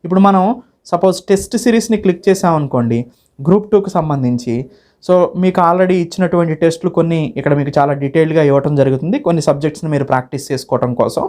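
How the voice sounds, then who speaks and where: A man's voice: fairly high pitch, rapid-fire, darkish tone. A man with a Telugu accent giving an informal instructor's walkthrough, mixing English words heavily into his Telugu and repeating phrases step by step. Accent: Telugu, Andhra Pradesh or Telangana. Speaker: online academy instructor. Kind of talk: informal course walkthrough for exam students.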